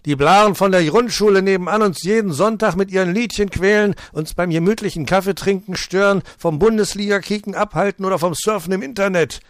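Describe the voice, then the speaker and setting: Man doing a gruff, loud old Berliner. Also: fairly high pitch, very animated, brisk, hardly any pauses, no room sound, clean studio sound, pitched above the performer's own voice. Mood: indignant. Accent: Berlin dialect. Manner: grumbling, loud and indignant.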